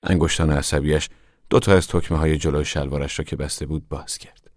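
A man giving measured, solemn scripted narration of a novel for a radio drama. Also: rumbling low, fairly even intonation, no room sound, studio quality.

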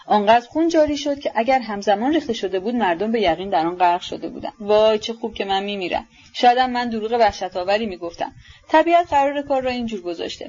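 A man's voice: very high voice, a little mellow, voice pushed up. A woman voicing a despairing young man dying of consumption, pleading and self-pitying, in an audiobook reading on a dull lo-fi recording.

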